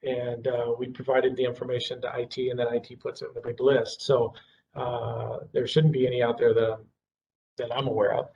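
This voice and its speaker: A man's voice: mid-range voice, level tone, fairly quick, gravelly, darkish tone. A man answering questions for a city department in a hesitant, apologetic way. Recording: dull audio, slightly distant mic, faint background hum.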